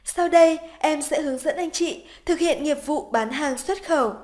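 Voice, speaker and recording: High-voiced woman narrating a software tutorial. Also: normal speed. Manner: polite, even, step-by-step instructional. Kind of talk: scripted narration. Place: voice-over over screen recording.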